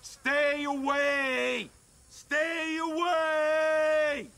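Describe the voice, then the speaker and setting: An actor playing a frantic frontier town crier in a western video game, calling out loud, drawn-out warnings over outdoor ambience. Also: male voice, very high voice, level tone, vocal fry, noisy background, exaggerated voice. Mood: frantic, urgent.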